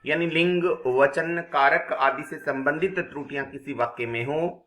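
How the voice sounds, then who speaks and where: A man's voice: fairly high pitch, measured pace, a bit bright, reverberant. A man teaching an exam-prep grammar lesson, explaining step by step and asking and answering his own questions. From India.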